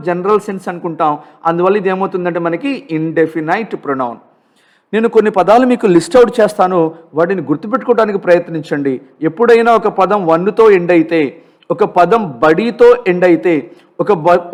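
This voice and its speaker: A man with a Telugu accent teaching English grammar for an exam, asking questions and answering them himself, and reading example sentences slowly. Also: high voice. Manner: asks and answers his own questions, slow drilled examples. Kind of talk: exam-prep grammar lesson.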